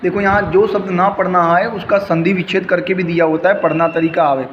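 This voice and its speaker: A man with a high voice walks through a school lesson, repeating each word and its meaning in a slow, patient rhythm. The sound is dull and lo-fi, with a long reverb trailing behind him and faint noise underneath. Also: fairly even intonation. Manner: slow, repetitive explaining, word by word. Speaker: school teacher. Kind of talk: recorded Sanskrit lesson explained in Hindi.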